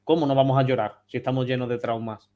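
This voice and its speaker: A man's voice: mid-range voice, level tone, fast, mellow, lo-fi sound. Passionate Spanish-accented man, video call. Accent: Spanish from Spain. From Spain. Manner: passionate, emphatic, repeats phrases. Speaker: therapist guest. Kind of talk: remote interview.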